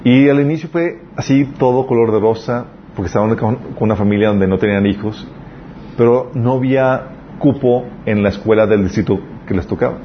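A man's voice: mid-range voice, fairly quick, a little hiss or hum. Earnest man preaching. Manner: earnest, conversational preaching with personal stories. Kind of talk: sermon. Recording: dull lo-fi recording.

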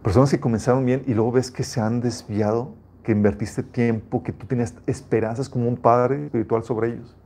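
A man's voice: medium pitch, fairly even intonation, brisk, hardly any pauses, mellow. A man preaching a sermon as a pastor, reading scripture aloud and speaking emphatically, often restarting his phrases.

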